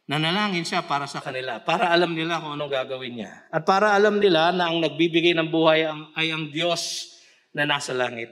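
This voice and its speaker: A man with a Filipino accent preaching a sermon, mixing Tagalog with English scripture quotes and swelling into emphatic shouts. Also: a little high, brisk. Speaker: pastor. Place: church.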